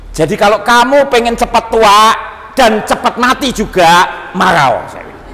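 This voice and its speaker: Animated, high-voiced male preacher. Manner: animated, joking, often addresses listeners as brothers. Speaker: pastor. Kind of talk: sermon. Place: church seminar hall. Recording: long hall reverb.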